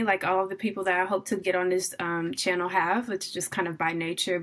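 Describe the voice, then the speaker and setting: A woman's voice: mid-range voice, a bit bright. Upbeat young woman hosting an interview. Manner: upbeat, enthusiastic. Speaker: channel host, interviewer. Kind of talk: casual interview intro.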